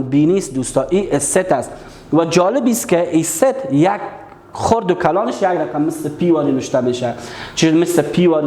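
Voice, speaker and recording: Man, patient teacher, repeats words, asks questions, slightly high voice, echoey room. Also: darkish tone. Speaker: language teacher. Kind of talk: online lesson.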